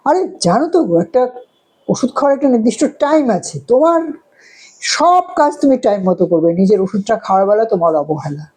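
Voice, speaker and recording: A woman's voice: fairly high pitch, expressive, fast talker, darkish tone, husky, poor audio. A woman playing a nagging husband. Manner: scolding, nagging. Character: fussing husband nagging about medicine.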